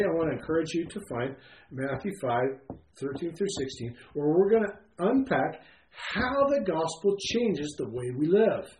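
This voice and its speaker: A man preaching a sermon, his voice sitting a little higher than most and swinging widely in pitch as he presses each point. He pauses often and fills the gaps with soft fillers. The room around him rings with echo, over a faint hiss. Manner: animated preaching with frequent "uh" fillers and emphatic pauses. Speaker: pastor.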